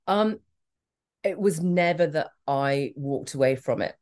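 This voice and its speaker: A middle-aged woman from Australia with a British accent speaks in a low, darkish voice as an interview guest. She's frank and emphatic, quick to laugh, and the conversation is candid.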